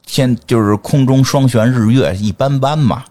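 A man's voice: medium pitch, normal speed, warm tone. A middle-aged man with a Beijing accent chatting casually and colloquially as a podcast host, joking and repeating his phrases. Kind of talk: casual chat.

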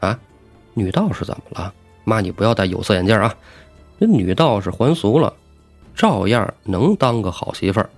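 A man's voice: fairly low pitch, sing-song, normal speed, faint music behind. A man voicing a young male scholar who speaks earnestly and protests.

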